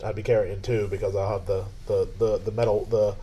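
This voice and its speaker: A man's voice: on the low side, level tone, a little fast, warm tone. A man co-hosting a podcast in casual chat, telling rambling stories with frequent restarts. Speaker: podcast co-host.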